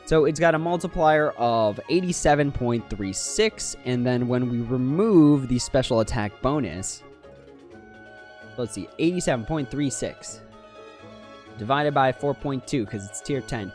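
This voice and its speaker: A man's voice: medium pitch, animated, unhurried, a little mellow, faint music behind. A man streaming live over a headset mic, breaking down game stats in a critical, think-aloud manner. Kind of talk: casual livestream commentary.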